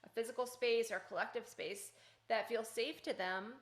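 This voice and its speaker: A woman's voice: on the high side, steady tone, normal speed, roomy sound. A woman hosting a podcast, asking questions in an encouraging, engaged way. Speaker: podcast host. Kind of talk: podcast interview.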